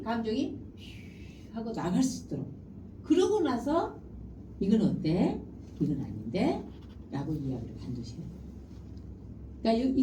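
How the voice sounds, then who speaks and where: A middle-aged woman lectures with a lively, rising and falling voice. Her tone is mellow and fairly high. She sits back from the mic in an echoing hall. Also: recorded from a distance, a little hiss or hum. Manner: animated, acts out parent and child lines with laughter. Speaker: parenting lecturer. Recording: roomy hall, speaker away from mic.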